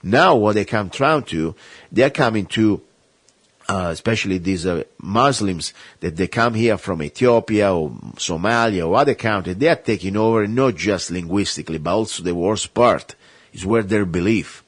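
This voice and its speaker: Guy hosting talk radio, low husky voice, dry sound, keeps ranting all over the place. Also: normal speed, dry recording. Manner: emphatic, rambling, impassioned. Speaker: radio talk show host.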